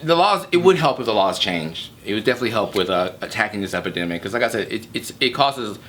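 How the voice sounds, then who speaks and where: Lively bright-voiced man, animated guest. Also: fast talker, slight background noise. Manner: animated, playful, jumps into high exclamations. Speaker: guest from an HIV advocacy group. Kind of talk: casual interview chat.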